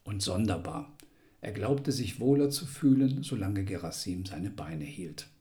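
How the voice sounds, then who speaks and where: Brief: male narrator, lowish voice, intense dramatic reading with whispered passages. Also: animated, measured pace, dark tone.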